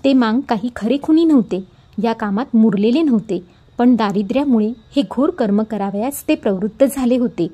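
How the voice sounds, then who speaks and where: A woman reading a classic story aloud as an audiobook, earnest and expressive. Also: on the high side, normal speed.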